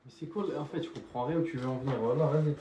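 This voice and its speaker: A man's voice: medium pitch, fairly even intonation, rapid-fire, heavy background noise. A man chatting casually, giving brief and reticent answers. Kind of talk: casual chat.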